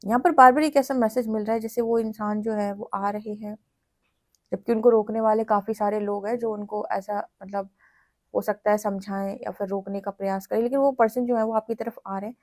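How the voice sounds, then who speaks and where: An Indian woman gives a tarot reading and talks straight to her viewers in a chatty, reassuring way. Her voice sits at an ordinary middle pitch. The recording is dry and close, with no room echo. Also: steady tone, brisk. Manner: chatty, addresses viewers directly in Hinglish. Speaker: tarot reader.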